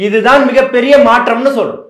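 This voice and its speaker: A man with a very high-pitched voice talks fast as a party spokesman in a heated interview, combative and firing rhetorical questions that build into impassioned shouting. The room is echoey.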